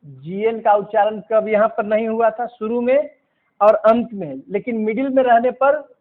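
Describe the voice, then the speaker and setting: A man teaching English pronunciation, explaining word by word in a slow, deliberate way. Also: sits high, fairly even intonation. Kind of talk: pronunciation lesson. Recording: phone-like narrow sound.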